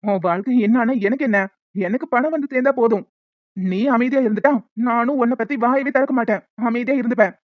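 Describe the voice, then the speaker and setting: A woman's voice: on the high side, fast talker, dry recording, natural voice. A woman voicing a greedy middle-aged father in a cartoon who lectures dismissively about money, in a dry, dull lo-fi recording. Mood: scheming. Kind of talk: amateur cartoon voice acting.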